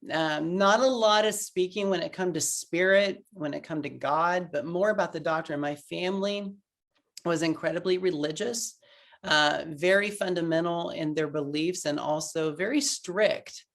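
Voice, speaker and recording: A man's voice: fairly high pitch, moderate pace, gravelly, a bit bright. A man with an Oklahoman accent, giving an earnest, reflective personal testimony as a guest on a video-call interview. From Oklahoma, USA. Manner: earnest and reflective, with many fillers.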